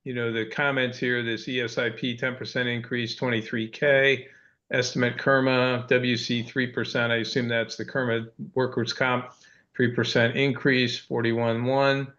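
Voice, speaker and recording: A man chairing a budget meeting over a conference call, reading through items informally and haltingly, with muffled, choppy audio. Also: medium pitch, little pitch movement, fairly bright tone. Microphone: remote call through a computer or desk speaker.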